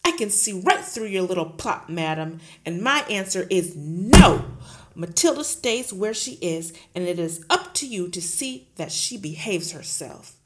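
A woman voicing a huge, bullying headmistress who shouts, barks and sneers at everyone. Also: medium pitch, expressive, measured pace, a little hiss or hum, close to an everyday voice. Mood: blustering. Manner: shouting, barking, scornful.

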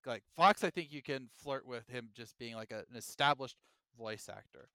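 A man co-hosting a podcast in casual chat, animated and jokey, often slipping into silly impressions. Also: medium pitch, moderate pace, dry recording. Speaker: podcast co-host.

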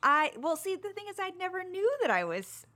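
A woman's voice: extremely high pitch, very animated, fairly quick, pushed and bright. A woman co-hosting a podcast, chatting casually about a TV show with rambling, self-deprecating asides. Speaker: podcast co-host.

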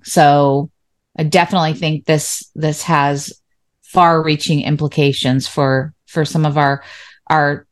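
A woman teacher co-hosting a podcast, talking thoughtfully in a casual chat. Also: on the low side. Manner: thoughtful, with fillers and restarts, warm agreement.

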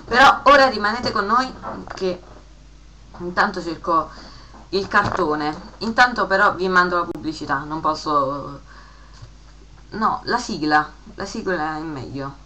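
Casting note: woman host, slightly low voice, chatty, reads verse with emphasis, faint hiss behind. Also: a little slow, sharp tone, rough recording. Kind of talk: casual broadcast chat and rhymed joke reading.

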